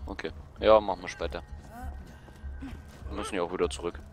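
Low-voiced man chatting over a shooter. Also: flat delivery. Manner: chatty, reacting to the game with quick exclamations and laughs. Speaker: let's play gamer. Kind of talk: casual co-op gaming chat. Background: game music and gunfire.

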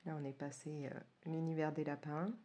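Amid a noisy background, a forties-aged French coloring book reviewer talks at a moderate pace in a low voice with little pitch movement. She gushes casually over the books as she flips through them, hesitating often.

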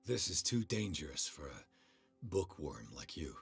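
A gruff, stern male investigator in a horror game, speaks in a deep voice. Music sits behind him. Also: sing-song, unhurried, full character voice. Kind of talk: dramatic video game acting.

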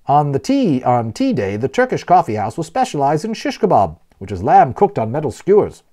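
Swooping wildly in pitch, a man with a fairly high, mellow voice plays a genial, chatty storybook guide who proudly explains things. He talks fairly quickly, emphatic, playfully wordy, and informative.

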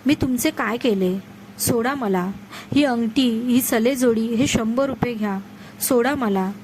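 A woman's voice: on the high side, unhurried, a little mellow, slight background noise, natural voice, low-quality recording. A woman reading the lines of a bold landowner who brushes off warnings. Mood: pleading. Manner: dismissive, then pleading. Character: bold, fearless landowner man.

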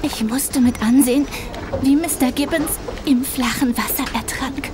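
In a German audio drama, an actress plays an anxious, devoted young carer, earnest and hesitant, and sounds distraught. Her voice is high and lightly acted, at a moderate pace, with noisy ambience behind her.

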